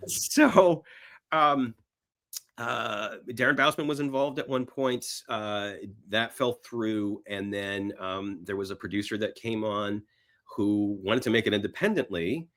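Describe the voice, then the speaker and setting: A screenwriter guesting on a podcast is interviewed and tells stories casually and ramblingly, acting out imagined bits of dialogue. His voice sits on the low side, with a slow pace and a fairly bright tone.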